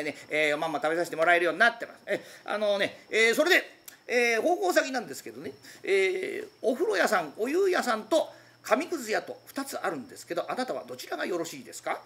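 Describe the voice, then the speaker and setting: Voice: medium pitch, sing-song, fast talker, a bit bright. A rakugo storyteller voicing a patient working man who politely coaxes his idle lodger toward finding a job. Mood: reassuring.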